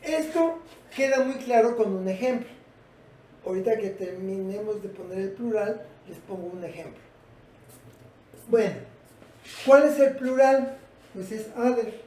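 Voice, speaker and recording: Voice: mid-range voice, a little slow, pauses often, warm tone. A teacher giving a patient lesson and asking the class rhetorical questions. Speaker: English teacher. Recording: roomy, from a distance.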